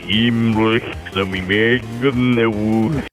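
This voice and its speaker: A man's backmasked message played backwards, slow and drawn out, from a low-quality game recording. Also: steady tone. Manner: slow, drawn-out, eerie delivery. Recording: distant, low-quality game audio with music. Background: music.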